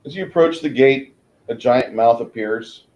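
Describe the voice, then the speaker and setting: A man narrating a tabletop fantasy game as game master, improvising haltingly with pauses to find his words. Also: medium pitch, a little mellow, highs cut off. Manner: halting, pausing mid-sentence to search for words.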